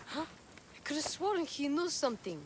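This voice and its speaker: A woman with a high voice plays an eager young boy searching for his father in a video game cutscene, excitable and constantly interrupting. She speaks at normal speed, with slight background noise.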